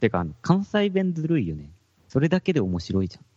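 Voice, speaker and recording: A man's voice: on the high side, huge pitch swings, fast talker, mellow, no room sound, lo-fi sound. A man with a Hakata accent, a podcast co-host in casual chat among musicians, joking and laughing often. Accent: Hakata dialect. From Fukuoka.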